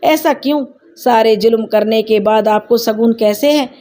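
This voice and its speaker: A woman's voice: fairly high pitch, unhurried, warm tone, close to an everyday voice. A woman voicing an elderly wife who is grieving and tearful, pleading and reproachful with her husband.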